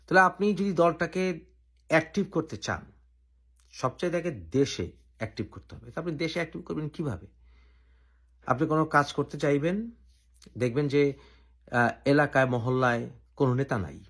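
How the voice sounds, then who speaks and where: A man from Bangladesh hosting his own channel, giving an opinionated political commentary and laying out his argument point by point with deliberate pauses. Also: fairly high pitch, lively intonation, a bit bright, husky.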